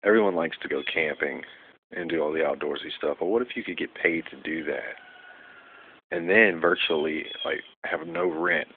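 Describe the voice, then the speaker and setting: Very deep gravelly man on a phone. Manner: rambling, loses track, many fillers. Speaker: vlogger. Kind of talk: casual rambling vlog. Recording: tinny phone recording with faint noise.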